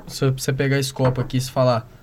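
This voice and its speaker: A man who hosts a podcast. He breaks in quickly and eagerly with short examples. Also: mid-range voice, monotone, background noise. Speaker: podcast host. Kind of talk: casual podcast conversation.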